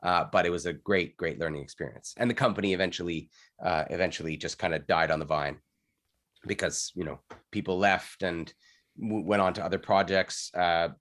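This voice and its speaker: Recorded dry with clean studio sound, a Canadian man with a deep, brisk, fairly bright voice is an interview guest, an entrepreneur and former actor. He tells stories casually and candidly, often interrupting himself.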